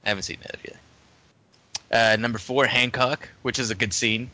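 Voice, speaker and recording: A man co-hosting a casual podcast, reading out a listener list and joking with deadpan delivery. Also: medium pitch, a little fast, dry recording. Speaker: podcast co-host. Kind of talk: casual chat. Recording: dry, dull lo-fi audio.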